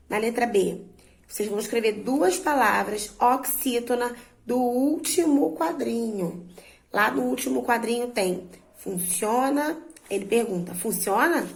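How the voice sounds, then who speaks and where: A woman teacher slowly and patiently walking her students through a worksheet, drawing out words to stress their syllables. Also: on the high side, vocal fry, roomy sound, low-quality recording. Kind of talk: remote lesson walking students through exercises.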